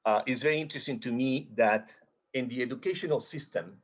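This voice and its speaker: A man from Chile speaking as a guest on a video-call webinar panel, often repeating words as he searches for what to say. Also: mid-range voice. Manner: halting, repeats words while searching for phrasing. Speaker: panel guest, expedition cruise guide.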